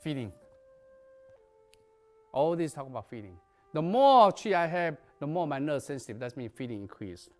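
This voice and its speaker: A man's voice: fairly high pitch, sing-song, moderate pace, pauses often, faint music behind. A man, a native Chinese speaker, teaching a qigong lesson in emphatic, non-native English that drops articles and verbs. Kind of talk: lecture.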